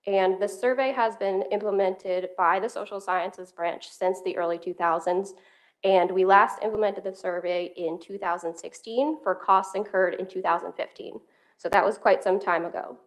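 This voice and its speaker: Woman, economist, formal meeting presenter, steady explanatory delivery, table mic. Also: medium pitch. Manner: steady, explanatory, occasional self-repeats. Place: council meeting room. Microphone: table microphone.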